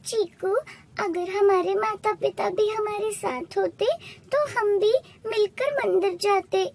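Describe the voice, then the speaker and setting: A woman's voice: very high voice, takes it slowly, vocal fry, pitched above the performer's own voice, heavily acted. A woman voicing a protective young orphan girl, the big sister, who speaks in a pleading, wistful way.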